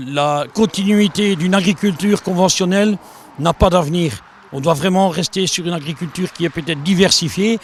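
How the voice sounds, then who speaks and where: Brief: farmer-organizer, man, slightly raised pitch, earnest rallying appeal with fillers. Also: a little hiss or hum.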